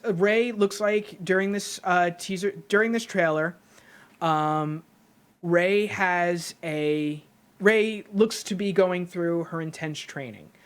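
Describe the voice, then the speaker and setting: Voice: mid-range voice, clean tone. Rambling solo podcast host. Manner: rambling, thinks aloud while theorizing.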